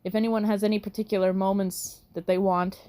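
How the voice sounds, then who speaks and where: A woman's voice: mid-range voice, level tone, brisk, mellow. Woman tabletop player, casual, teasing, mid-range voice. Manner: teasing and encouraging. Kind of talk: casual chat.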